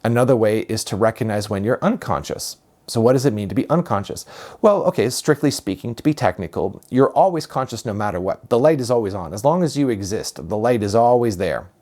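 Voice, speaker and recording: Calm man giving a reflective spiritual talk. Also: on the low side, a little fast. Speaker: spiritual teacher.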